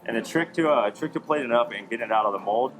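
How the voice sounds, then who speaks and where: A man's voice: mid-range voice, racing, music in the background, rough recording. A man working as a chef, walking through a cooking demonstration step by step with easy fillers.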